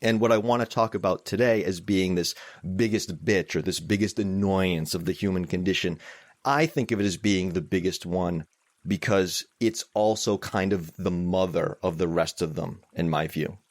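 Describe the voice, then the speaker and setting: A man's voice: sits low, fairly even intonation, normal speed, no echo. A middle-aged man teaching mindfulness in a live talk, candid and self-deprecating in a conversational way. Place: meetup room.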